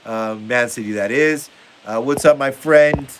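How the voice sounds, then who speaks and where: At a measured pace and in a mid-range voice, a young livestream host reads chat from his home basement, rambling upbeatly with lots of filler words. He's recorded on a phone, and the low-quality audio carries a little hiss or hum.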